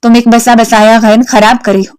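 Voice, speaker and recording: An earnest young woman who speaks firmly and pleads with her friend, as a woman narrator reads her. The voice is smooth and fairly high, with a dry, close sound. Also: flat delivery, darkish tone, no room sound, lightly acted. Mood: pleading. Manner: firm, then earnest and tearful.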